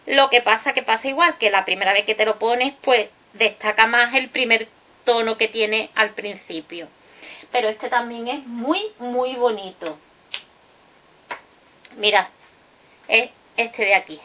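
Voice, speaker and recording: Chatty Spanish-speaking woman, bright voice. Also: fairly high pitch, measured pace, slight background noise. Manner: chatty, explains with frequent tag questions. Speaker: beauty vlogger. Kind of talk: casual makeup swatch review. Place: indoors at home, recorded late at night.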